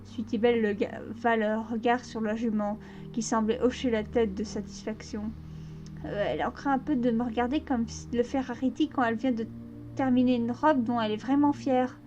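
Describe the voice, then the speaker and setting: A woman's voice: a little high, steady tone, moderate pace, muffled recording, noisy background. A woman casually reading a fanfiction aloud, stumbling over words now and then and breaking off for joking asides. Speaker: fanfiction reader.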